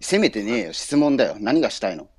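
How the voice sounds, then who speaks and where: Blunt, rough-talking man in his thirties. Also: mid-range voice, sing-song, fast, darkish tone. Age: 30s. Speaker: caller. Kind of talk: heated livestream argument.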